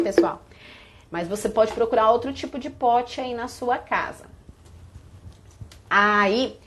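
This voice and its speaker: A high-voiced Brazilian woman teaching other teachers on a live stream. She talks animatedly as she shows props and breaks into little sung greetings. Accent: Brazilian Portuguese. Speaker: early childhood teacher.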